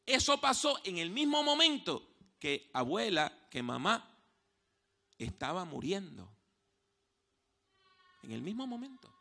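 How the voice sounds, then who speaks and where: A man preaching a sermon as pastor, telling stories and dropping from hushed tones to loud outbursts, repeating key phrases slowly for emphasis. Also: sits high, very animated, vocal fry. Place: church.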